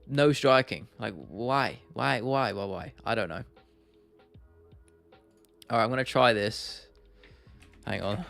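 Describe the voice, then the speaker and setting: A man's voice: medium pitch, creaky, a bit bright. A man hosting a casual livestream, chatting informally and laddishly with viewers and repeating phrases for emphasis. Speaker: livestream host. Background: faint music, keyboard clicking.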